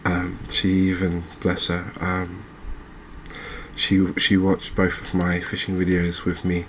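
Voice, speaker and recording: A man with a low voice hosts a gaming channel, giving soft-spoken ASMR commentary. He talks gently and unhurriedly, in a halting, monotone way, with slight background noise.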